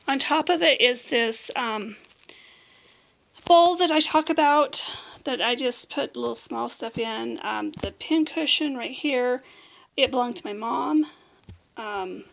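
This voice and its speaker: A middle-aged American woman with a hoarse, raspy voice that is giving out into whispery patches, chatting casually and informally as she gives a tour. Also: fairly high pitch, slow pace, a bit bright. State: hoarse, losing her voice. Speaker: vlog host. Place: small room at home, indoors.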